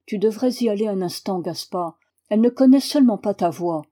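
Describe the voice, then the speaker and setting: A woman's voice: medium pitch, a little fast, mellow, lightly acted. Woman reading a kindly old father. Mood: gentle. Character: kindly older male father, gentle.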